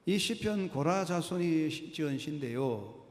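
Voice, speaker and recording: A man's voice: on the high side, expressive, unhurried. A male pastor preaching a sermon, asking the congregation questions and acting out the voices of critics. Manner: preaching with dramatic acted quotes and rhetorical questions. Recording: long hall reverb.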